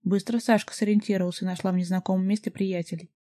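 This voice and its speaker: A woman reading a first-person novel aloud as an audiobook, in an even storytelling manner. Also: mid-range voice, fast. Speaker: audiobook narrator.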